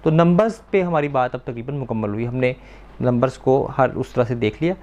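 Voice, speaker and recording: A man teaching a language class for children, patiently repeating words slowly and quizzing the class on answers. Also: mid-range voice, darkish tone, highs cut off. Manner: asks the class questions and confirms answers.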